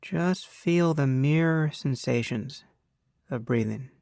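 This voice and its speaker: Teaching a guided meditation, this man speaks slowly and deliberately, leaving long pauses. His mid-range voice is gravelly with a darkish tone, captured in a dry, studio-quality recording.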